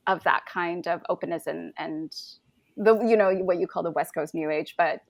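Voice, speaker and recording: Low, creaky-voiced woman born in Taiwan. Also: moderate pace, no echo. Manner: warm affirming, many fillers and laughs. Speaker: host. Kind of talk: casual conversation.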